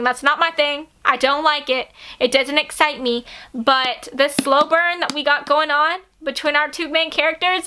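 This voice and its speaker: A young woman vlogging casual book reviews, gushing and excitable, talking straight to her viewers, her voice a little worn. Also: high voice. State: starting to lose her voice.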